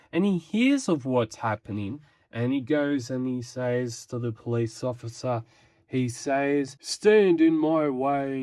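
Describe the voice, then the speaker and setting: A man's voice: mid-range voice, no room sound, clean studio sound. A man giving a casual spoken comic book review, rambling and restarting often.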